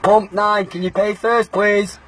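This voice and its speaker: A man's voice: high-pitched, level tone, measured pace, fairly bright tone, a little hiss or hum. A young man making mock-official announcements through a megaphone outdoors at a petrol station, polite but insistent. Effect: speaking through a megaphone. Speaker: prankster.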